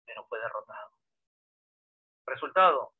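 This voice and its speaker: Over a dry, tinny, phone-like line, a male history teacher delivers a lively lecture packed with dramatic storytelling and rhetorical questions. His voice sits at a medium pitch with a breathy edge, moving at a moderate pace, and there's no room sound.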